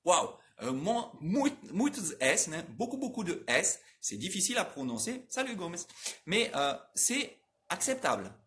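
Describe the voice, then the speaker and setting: A man's voice: high-pitched, sing-song, a little slow, a bit bright. A young man from France with a French accent, teaching a live online lesson, greeting viewers by name and drilling tongue twisters with exaggerated articulation. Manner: reads and answers viewers' comments. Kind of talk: live-streamed language lesson.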